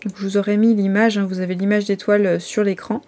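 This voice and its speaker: A woman's voice: medium pitch, flat delivery, fast talker, dark tone. A woman chatting casually in a vlog, with many hesitations and restarts as she goes through her list. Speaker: vlogger.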